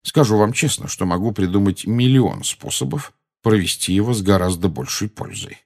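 A man voicing a calm, genial old wizard who speaks slowly and with quiet amusement. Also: on the low side. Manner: slow, unhurried, gently amused.

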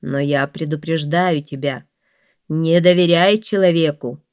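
A woman's voice: low voice, fairly even intonation, measured pace, no room sound, clean studio sound. A woman voicing a proud lion king. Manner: proud, firm and loud.

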